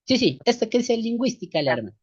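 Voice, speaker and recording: A man from the highlands teaches an online seminary class, speaking slowly and repeating his key points. He keeps asking the class rhetorical questions. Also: big pitch swings, breathy edge. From Ecuadorian highlands. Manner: slow, repetitive, rhetorical questions tagged with "no". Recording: dull lo-fi sound.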